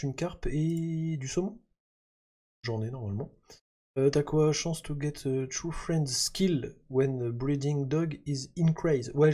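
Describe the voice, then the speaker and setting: A man's voice: medium pitch, warm tone. A man chatting casually through gameplay, thinking aloud with lots of fillers. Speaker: gaming YouTuber.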